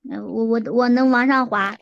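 A hesitant woman student in an online class speaks a little high, stopping and starting as she finds her words. Her call audio comes through dull and lo-fi. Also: fairly even intonation, creaky, no echo. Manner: hesitant, halting. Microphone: video call.

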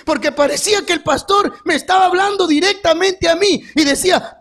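A man giving a fervent testimony sermon as guest preacher, rising to shouts and calling out to his brothers. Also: extremely high pitch.

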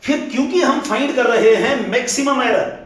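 A male physics teacher giving a revision lecture, repeating formulas in a steady rhythm and telling students to breathe deeply. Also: moderate pace. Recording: echoey room, voice from far off.

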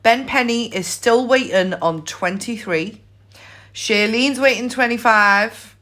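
A woman's voice: on the high side, takes it slowly, a bit bright. A British woman hosting as a bingo caller, calling numbers and chatting to players in a playful, exclamatory way with sing-song repeats. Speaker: bingo caller and live stream host. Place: indoors at a table.

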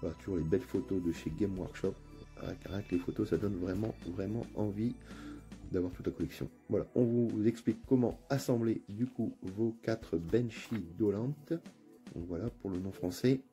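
A channel host with a northern French accent narrates an unboxing in a relaxed, chatty way, often pausing to hesitate. His voice is low, warm, and mellow, with soft music playing faintly underneath.

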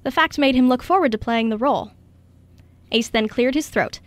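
Reading from a script, a woman narrates a radio drama as a storyteller between the characters' lines. Her voice is on the high side, and she keeps a moderate pace.

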